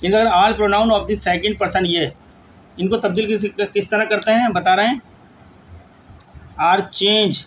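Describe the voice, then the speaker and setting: A man teaching English grammar, dictating rules slowly word by word as he writes them out. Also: high voice, steady tone, a little hiss or hum, poor audio. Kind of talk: lecture explaining grammar rules.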